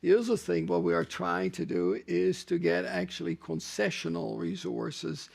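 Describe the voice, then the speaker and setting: A man explaining policy on a panel in a halting way, often restarting his phrases. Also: sits high, gravelly, darkish tone. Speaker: development bank official on a panel.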